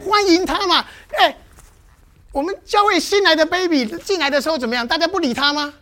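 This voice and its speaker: A high-pitched woman teaches in a church, firing questions at her listeners and acting out little scenes. Her delivery is lively and interactive, like a teacher coaxing answers from a class. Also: brisk. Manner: constantly quizzes the audience with questions; lively, with playful demonstrations.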